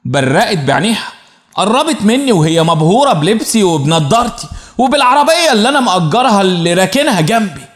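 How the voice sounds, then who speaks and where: A man's voice: high-pitched, big pitch swings, fast, fairly bright tone. A man with an Egyptian accent narrating a dramatic first-person story with intense, repetitive phrasing. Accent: Egyptian Arabic. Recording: roomy echo.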